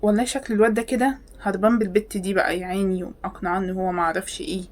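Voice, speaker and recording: A woman with an Egyptian accent, reacting to videos with sarcastic, exasperated questions. She swings between loud outbursts and hushed mutters. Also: medium pitch, steady tone, very fast. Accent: Egyptian Arabic.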